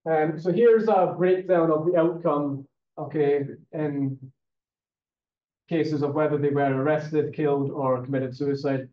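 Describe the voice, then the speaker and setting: A man's voice: a little high, fairly even intonation, unhurried. Roomy, dull recording of a male lecturer. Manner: conversational, frequent "okay?" check-ins and fillers. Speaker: university lecturer. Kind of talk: classroom lecture. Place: lecture room.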